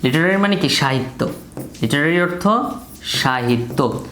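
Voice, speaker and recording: A man's voice: fairly high pitch, expressive, fairly quick. Man drilling word meanings in an echoey room. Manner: repeats each word meaning in call-and-response. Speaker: English teacher. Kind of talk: classroom vocabulary drill. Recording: echoey room with faint background noise.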